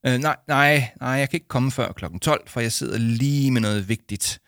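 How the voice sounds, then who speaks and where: En mand der spiller en snakkesalig, venlig skolerådgiver. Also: male voice, medium pitch, a bit bright, dry recording, clean studio sound, pitched above the performer's own voice, natural voice. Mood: busy on phone. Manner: chatty, many fillers and repeated words. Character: kind cheerful adult male school counselor.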